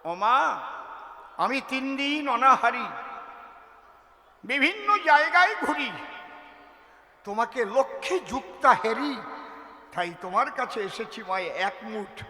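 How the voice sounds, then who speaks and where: A man's voice: extremely high pitch, animated, slow pace, pauses often, heavily acted. A man voicing a humble hungry holy man. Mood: pleading. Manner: pleading, gentle. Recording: echoey hall with long reverb.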